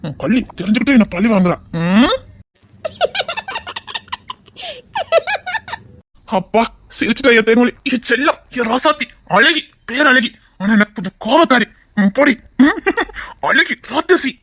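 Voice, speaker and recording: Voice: mid-range voice, lively intonation, brisk, a bit bright, a little hiss or hum. A coaxing, doting husband. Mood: teasing. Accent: Tirunelveli Tamil. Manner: pleading, sweet-talking, teasing with pet names. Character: doting young husband coaxing his sulking wife. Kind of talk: audio drama acting.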